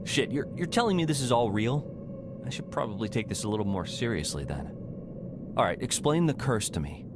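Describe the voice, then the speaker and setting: A man's voice: mid-range voice, sing-song, brisk, over music, close to an everyday voice. An actor playing a casual, skeptical and wry young man in a video game. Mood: taken aback. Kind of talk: video game character acting.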